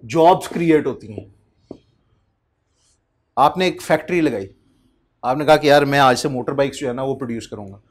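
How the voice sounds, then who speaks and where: A man in his thirties from Pakistan, giving an accountancy lecture in a conversational way, reading English passages slowly and asking the class rhetorical questions. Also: mid-range voice.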